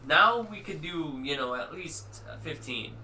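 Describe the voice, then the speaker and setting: A young man with a very bright, slightly high voice hosts a casual podcast chat. He talks in a laid-back, slangy way and laughs often. Faint hiss sits under the recording. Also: animated, unhurried, poor audio. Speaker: podcast host.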